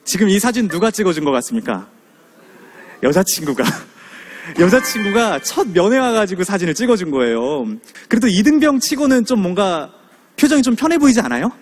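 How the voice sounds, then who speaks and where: A man's voice: sits high, fairly quick, faint music behind. A man in his thirties from Suwon giving a motivational lecture, telling stories, acting out scenes and asking the audience questions. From Suwon, South Korea. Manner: animated, asks the audience questions, acts out scenes. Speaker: guest lecturer.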